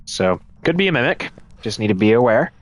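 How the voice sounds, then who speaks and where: During live gameplay commentary of a ghost-hunting game, a man talks his decisions through for his chat in a relaxed way. He has a medium-pitched voice with big pitch swings and a slightly fast pace. The audio has no room sound.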